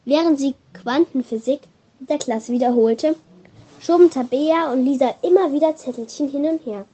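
A woman narrating a storybook reading in a calm, even storytelling manner. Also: sits high, normal speed.

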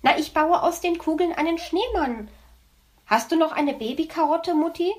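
Cheerful little hedgehog boy, eager and bouncy, voice up high; a woman reads him. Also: normal speed. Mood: gleeful. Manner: bubbly, eager, high-spirited.

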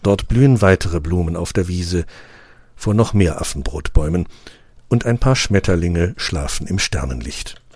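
A man reading a story aloud in a calm, even narrating manner. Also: low voice, moderate pace, breathy edge, no echo, studio quality. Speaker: audiobook reader. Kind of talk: scripted narration.

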